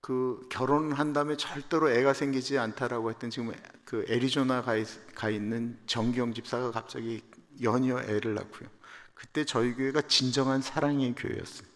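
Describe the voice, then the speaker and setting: A Korean-born man in his fifties, a pastor giving a personal testimony sermon at a dawn service, moving from quiet confession to loud emphatic proclamation. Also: mid-range voice, fairly even intonation, normal speed. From South Korea. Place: church sanctuary. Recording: long church-hall reverb.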